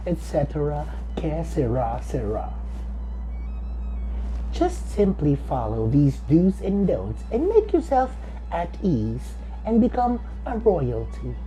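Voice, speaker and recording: A haughty queen, grand and pampered, delivers her etiquette advice in a pompous, sing-song manner, played by a man. The voice sits low for a woman and rises and falls widely at an unhurried pace. Her tone is mellow and dark. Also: low-quality recording. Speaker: resident choral diva.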